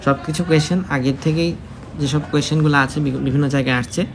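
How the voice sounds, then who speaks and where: Male exam tutor, quick and a bit high-voiced, chatty lesson, faint hiss behind. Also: steady tone. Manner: chatty, repeats key points, addresses student directly. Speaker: exam prep teacher. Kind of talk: casual spoken lesson.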